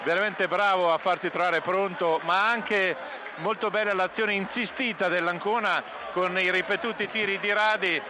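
High-voiced male football pundit. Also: fairly even intonation, moderate pace, a crowd in the background. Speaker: football co-commentator. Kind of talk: unscripted live match analysis. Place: outdoor football stadium. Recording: noisy outdoor stadium broadcast.

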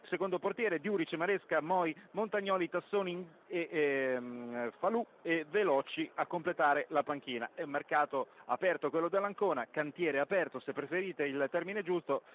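A man's voice: on the high side, moderate pace, few pauses. A man giving live radio football commentary, narrating play, score and minutes as the match unfolds. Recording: dull lo-fi radio feed, loud background noise.

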